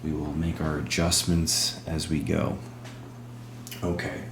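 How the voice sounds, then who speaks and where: A man hosting a spirit box session, speaking in halting short phrases and putting questions to a spirit. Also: rumbling low, little pitch movement. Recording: roomy echo with humming background noise.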